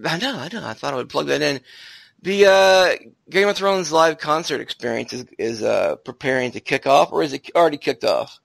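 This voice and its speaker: A man's voice: fairly high pitch, moderate pace, vocal fry, a bit bright, no echo. A man hosting a podcast, chatting casually with a co-host.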